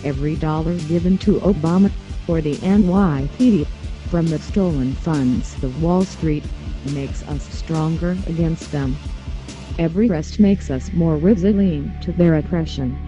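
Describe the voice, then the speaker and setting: Give me a disguised synthetic computer voice as an anonymous spokesperson, reading a scripted statement in a flat, measured way. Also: mid-range voice. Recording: muffled lo-fi audio with faint music.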